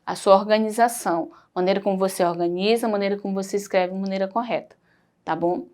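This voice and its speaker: A woman's voice: mid-range voice, steady tone, fast, darkish tone. A woman teacher with a Brazilian Portuguese accent, giving a recorded primary school lesson in a patient, explanatory way and pointing things out as she goes.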